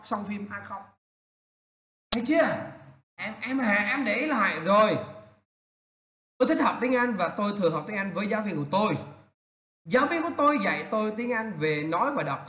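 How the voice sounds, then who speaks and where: A male English teacher correcting students' writing aloud, animated and teasing as he points out errors. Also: high voice, reverberant.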